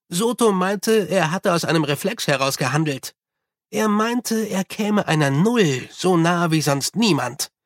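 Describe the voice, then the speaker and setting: The reader voicing a senior monk who explains things in a brisk, matter-of-fact way in an audiobook. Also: mid-range voice, no echo, clean studio sound.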